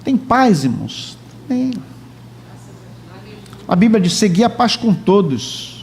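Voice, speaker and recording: A man's voice: high-pitched, a little mellow, slight background noise. A man preaching a sermon as pastor in a church, joking and chatting with the congregation. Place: church hall.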